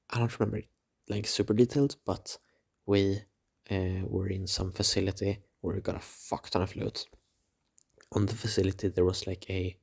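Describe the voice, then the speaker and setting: A young man with a very low, gravelly voice recounts a dream in a loose, casual ramble. He sounds hazy and puzzled, halting to search for words and correct himself. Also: a little mellow. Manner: swears casually. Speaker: dream diarist.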